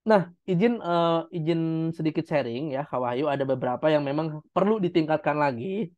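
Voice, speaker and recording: A man's voice: a little high, expressive, normal speed, darkish tone. A man, coaching an online public speaking class and giving encouraging feedback step by step. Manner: encouraging, explains step by step, with demonstrations. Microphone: video call. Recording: dull video call audio.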